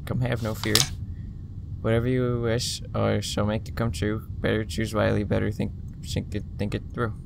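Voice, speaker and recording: A man's voice: lowish voice, completely flat delivery, moderate pace, vocal fry, pitched below the performer's own voice. A man reading as a coaxing spirit. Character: soft-spoken wish-granting spirit, coaxing. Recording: loud background noise.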